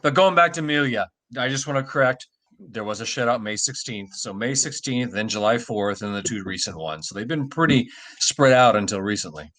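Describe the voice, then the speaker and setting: A man's voice: medium pitch, expressive, a little fast, fairly bright tone. A man co-hosting a casual sports podcast, teasing and laughing often. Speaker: podcast co-host. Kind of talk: casual chat.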